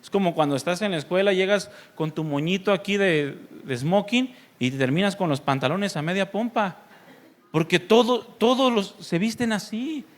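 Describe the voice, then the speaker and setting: A man's voice: sits high, moderate pace. A man from Mexico preaching a sermon as pastor, talking conversationally, putting questions to the congregation and playfully imitating other people's voices.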